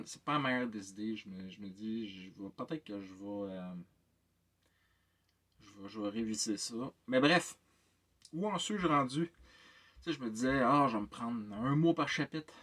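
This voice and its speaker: A very tired-sounding game master with a Québécois French accent offers a loose, rambling vlog update on his tabletop games, stalling often with fillers and repeated words. His medium-pitched voice is expressive and fairly bright, moving at a moderate pace.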